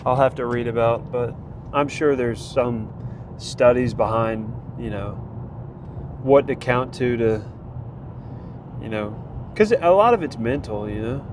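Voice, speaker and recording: Speaking a little slowly with long pauses, a man with a mid-range, congested voice gives a rambling, casual vlog update on the training program he's tracking. He fills his talk with fillers and restarts, and the outdoor recording is noisy.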